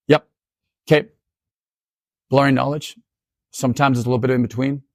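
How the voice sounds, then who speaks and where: Gravelly-voiced man telling stories. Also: medium pitch, moderate pace, no room sound, studio quality. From northern Saskatchewan. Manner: animated, many restarts, acts out dialogue. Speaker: keynote speaker and educator. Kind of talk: storytelling keynote talk.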